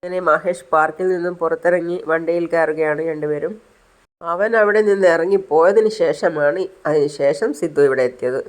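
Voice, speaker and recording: A man narrates a domestic drama in an easygoing spoken manner. His voice sits a little high, and he speaks the characters' lines himself in much the same voice. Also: moderate pace, low-quality recording. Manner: retells a family drama, voicing all characters himself with little change of voice. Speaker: storyteller. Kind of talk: casual spoken story narration.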